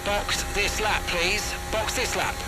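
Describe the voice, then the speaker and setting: A steady race engineer speaks over the car's team radio in calm, brisk instructions. His voice sits fairly high. Loud game music plays under him. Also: low-quality recording. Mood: instructing. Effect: team radio from the car.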